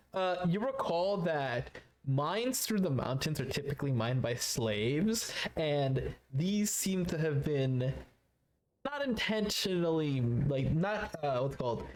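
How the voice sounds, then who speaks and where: A man narrating a tabletop game as game master in a voice pitched a little high. His narration is loose and casual, with laughs and the odd curse. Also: animated, takes it slowly, darkish tone.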